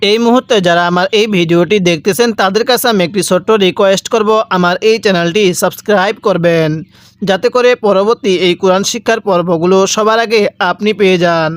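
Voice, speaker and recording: A man teaching Quran reading. He recites each word slowly and drawn-out, then explains the rules patiently and repeats them. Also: sits high, clear, resonant tone, dry recording. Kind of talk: step-by-step recitation lesson.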